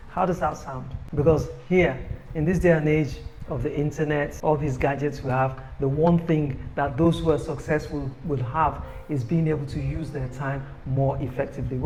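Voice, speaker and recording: A man giving an upbeat, persuasive sales pitch for his own book, recorded on a phone camera. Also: darkish tone, slight background noise, low-quality recording. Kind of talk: motivational self-promotion video.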